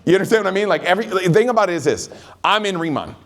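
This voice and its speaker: A middle-aged man giving a motivational sales training talk as a network marketing trainer, an energetic storyteller who keeps checking in with his audience. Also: high voice, racing.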